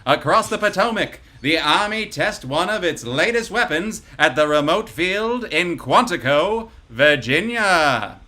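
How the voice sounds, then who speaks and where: A rousing old newsreel announcer barks out the news with punchy, drawn-out emphasis, as a man puts him on. The voice sits a little high and rings bright and forceful, like a vintage wartime bulletin. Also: lively intonation. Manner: punchy, declaiming, loud stretched emphasis. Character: energetic 1940s male newsreel announcer. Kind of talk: old newsreel narration, comic table read.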